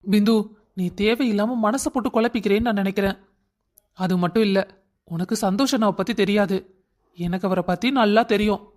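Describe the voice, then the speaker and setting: A man voicing a calm, reassuring young husband who explains family matters in a cartoon story. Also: sits high, a little fast, long pauses, natural voice.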